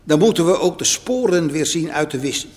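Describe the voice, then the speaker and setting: A man's voice: fairly high pitch, expressive, a little fast, a little mellow, natural voice. Judah, a man reading as a pleading brother. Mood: persuasive. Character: adult brother Judah, persuading his brothers. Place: church. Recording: long church reverb.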